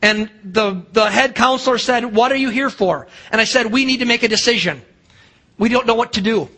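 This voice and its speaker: Here a middle-aged American pastor delivers his sermon briskly in a very high voice that sounds bright and forceful. He speaks emphatically, poses rhetorical questions and plays out dialogue.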